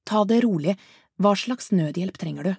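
A woman playing a brisk emergency dispatcher. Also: mid-range voice, expressive, vocal fry, a little mellow, slightly rough, no room sound, studio quality, full character voice. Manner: brisk, procedural questions.

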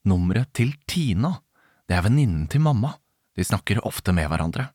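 Deep male storyteller, suspenseful first-person narration, dry recording. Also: big pitch swings, a little mellow, breathy edge, no room sound.

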